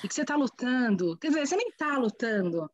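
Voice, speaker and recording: A woman's voice: fairly high pitch, sing-song, a little fast, no echo, low-quality recording. A woman playing an exasperated woman who insists and repeats herself, thinking aloud over a video call. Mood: arguing. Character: exasperated woman fed up with nonsense. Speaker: theatre workshop participant.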